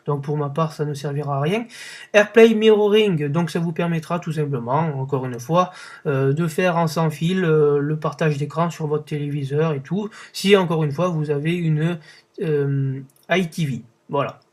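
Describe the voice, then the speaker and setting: A young man with a slightly high voice hosts a casual tech podcast. He talks off the cuff, stumbling and restarting often, and sounds unimpressed with what he covers. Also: normal speed. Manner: hesitant, many fillers and restarts, unimpressed. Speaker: podcast host.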